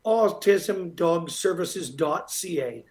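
A man's voice: on the high side, lively intonation, slow pace, a little mellow. A Canadian man hosting live radio talk and making announcements, repeating details for emphasis. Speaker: radio talk show host.

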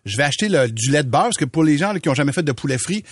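A man's voice: a little high, very fast, slightly rough, no echo. A man with a Quebec French accent hosting a radio show, telling a story in casual chat and laughing as he goes. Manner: animated, laughs while telling stories.

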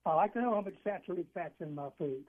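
Male caller from Georgia, high voice, tinny phone line, emphatic and insistent. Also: fast, over a noisy crowd. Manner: emphatic, insistent, repeats himself. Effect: heard over a phone line. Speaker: radio call-in caller. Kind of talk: call-in opinion talk.

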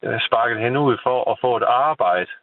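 Over a tinny phone line, a middle-aged male caller talks loosely and meanders, repeating words and tacking on tag questions. His voice is mid-range, and a faint hiss or hum runs under the telephone recording.

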